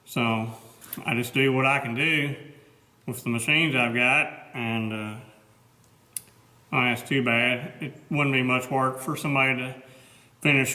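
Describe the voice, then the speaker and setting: Male machinist, medium pitch, casual workshop explainer. Modest, plainspoken, matter-of-fact delivery. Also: bright, forceful tone, poor audio. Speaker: machinist presenting his repair work.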